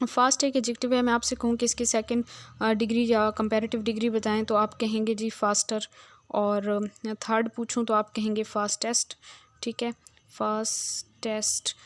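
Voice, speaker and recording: A woman teaches a grammar lesson, patient and methodical, pausing often to check that her students follow. Her voice sits a little high and stays level, with little rise and fall. The sound is close and dry. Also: flat delivery, no room sound. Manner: patient, explains step by step with frequent "theek hai" check-ins. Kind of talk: recorded grammar lecture.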